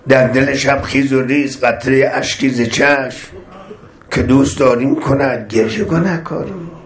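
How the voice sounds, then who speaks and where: A man's voice: mid-range voice, slight background noise. A man preaching a sermon, repeating phrases with rising emphasis and chanting Arabic verses.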